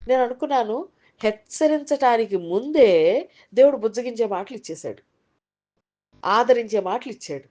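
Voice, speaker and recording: A woman's voice: fairly high pitch, expressive, moderate pace, pauses often, darkish tone. A woman preacher giving a Sunday sermon in a conversational way, sometimes acting out worried inner voices. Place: online group meeting.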